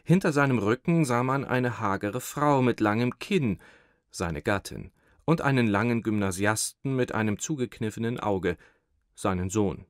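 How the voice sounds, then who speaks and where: A man narrating a classic short story in an audiobook, with measured, even storytelling. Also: lowish voice, dry recording, studio quality. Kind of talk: scripted narration.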